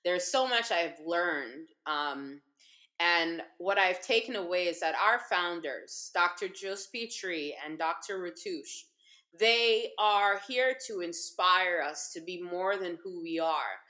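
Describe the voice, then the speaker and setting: Here the Guyanese co-host, who spent part of her youth in America, talks casually and emphatically with her mother from the sofa, her voice lowish, slow and pushed with brightness. She is in her thirties and doubles up on phrases to stress them. Living-room echo fills the recording.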